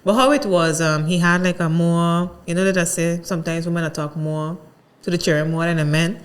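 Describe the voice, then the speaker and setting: Podcast host, asks easy questions, mid pitch, supportive and conversational. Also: steady tone, brisk. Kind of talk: casual interview questions.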